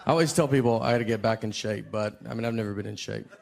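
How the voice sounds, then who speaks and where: A man's voice: fairly low pitch, fairly even intonation, racing, gravelly, slight background noise. Laid-back man in his forties, stand-up. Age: 40s. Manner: laid-back, understated storytelling with many "like" fillers. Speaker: stand-up comedian. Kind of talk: stand-up routine.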